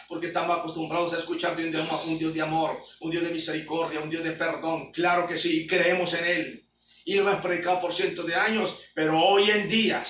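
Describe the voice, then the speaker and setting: A man preaching a sermon as pastor, swinging between loud, shouted lines and hushed, low passages. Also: reverberant, recorded from a distance, slight background noise.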